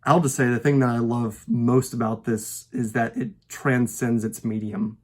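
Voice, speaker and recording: A man's voice: medium pitch, level tone, normal speed, a little mellow. A man at home casually talking about his favorite films, rambling and hesitant, with frequent fillers and restarts. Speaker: host.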